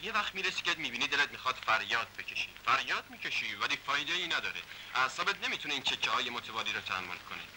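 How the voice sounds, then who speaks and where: A gloating gang leader spells out threats in a calm mid-pitched voice. It is dubbed 1960s film acting on a hissy old soundtrack. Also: male voice, rough recording. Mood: menacing.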